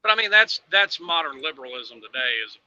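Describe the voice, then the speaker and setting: A man's voice: a little high, animated, a little fast, bright, forceful tone, no room sound, muffled recording. A man in casual political chat, joining over a video call that keeps breaking up, talking bluntly and swearing freely. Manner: blunt and profane. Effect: video call connection, breaking up. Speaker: panelist on a live show. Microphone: remote video call.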